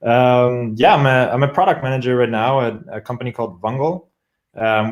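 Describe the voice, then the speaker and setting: Talking about his job as a product manager, a young man from Germany rambles through a casual interview, full of fillers and restarts and marked by a thick German accent. His voice is mid-range and sounds reverberant.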